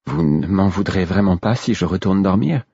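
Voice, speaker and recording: A man's voice: sits low, lively intonation, normal speed, dark tone, slightly rough, no room sound, dull audio, heavily acted. A man reading aloud and voicing an exhausted young mother who sounds weary and distressed. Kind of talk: audiobook reading.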